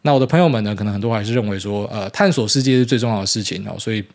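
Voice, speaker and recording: A man's voice: on the low side, racing. A man in his thirties with a Taiwanese Mandarin accent, hosting a casual solo podcast in a rambling, blunt way with mild swearing. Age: 30s. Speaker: podcast host.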